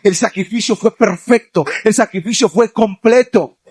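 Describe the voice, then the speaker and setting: A male evangelist preaching a sermon, speaking straight to young listeners and building to forceful, near-shouted exhortation. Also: sits high, moderate pace, breathy edge. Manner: addresses listeners directly as young people.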